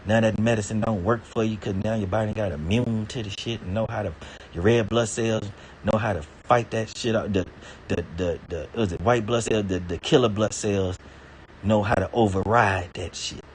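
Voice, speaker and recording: Low-voiced man on a profane rant. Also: steady tone, moderate pace, a little hiss or hum. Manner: rambling, swears heavily, stammers and repeats words; indignant, pitch jumps high when worked up. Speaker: vlogger.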